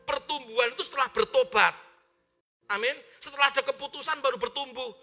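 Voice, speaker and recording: A man preaching a sermon in church, speaking loudly and forcefully and calling on the congregation to repeat his words. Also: extremely high pitch, a little fast. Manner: loud forceful preaching with call-and-response prompts. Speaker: pastor. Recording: live-streamed church service with faint music.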